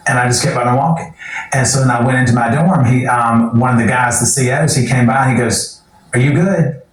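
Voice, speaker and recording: A man's voice: mid-range voice, steady tone, brisk, heavy reverb, recorded from a distance, rough recording. A middle-aged man telling his story as an interview guest, in a folksy, earnest way.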